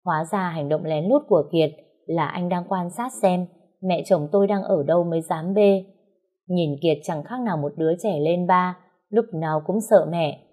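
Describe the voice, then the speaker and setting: A woman telling a first-person story in a steady, measured narration. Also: fairly low pitch.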